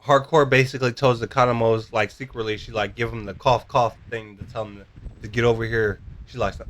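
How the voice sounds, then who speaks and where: Guy rambling through an episode recap, middle pitch, keeps saying basically. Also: flat delivery, a little fast, a bit bright. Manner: rambling, full of "basically", searches for words. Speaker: co-host of a show review. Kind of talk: casual recap chat.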